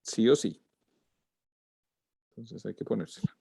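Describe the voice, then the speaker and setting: A man's voice: lowish voice, expressive, a little slow, gravelly, mellow, husky, no echo, studio quality. A man, a lettering teacher giving a student feedback over a video call, walking through corrections step by step. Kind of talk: class critique of student work.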